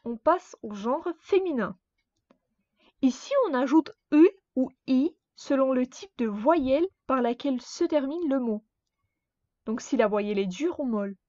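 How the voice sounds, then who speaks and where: A woman teaching a grammar lesson, speaking slowly and carefully and repeating each example word. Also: sits high, a little mellow, dry recording. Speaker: Russian language teacher. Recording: dull dry lo-fi sound.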